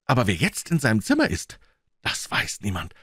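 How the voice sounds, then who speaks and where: A man's voice: lowish voice, huge pitch swings, moderate pace, fairly bright tone, slightly rough, dry recording, clean studio sound, heavily acted. A man voicing an old, loyal male servant who speaks in an urgent, pleading way in a storybook reading.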